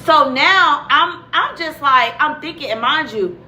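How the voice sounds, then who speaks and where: A woman's voice: high-pitched, expressive, unhurried, sharp tone, slight background noise, low-quality recording. A young adult woman telling a casual, profane story to her viewers, blunt and chatty, acting out her own reactions.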